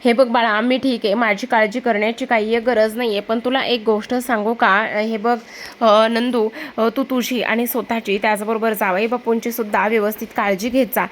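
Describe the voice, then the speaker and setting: A woman voicing a gentle, caring elderly father who is recovering from illness and speaks softly and affectionately. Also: fairly high pitch, fairly even intonation, normal speed, hardly any pauses, natural voice. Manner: soft and affectionate.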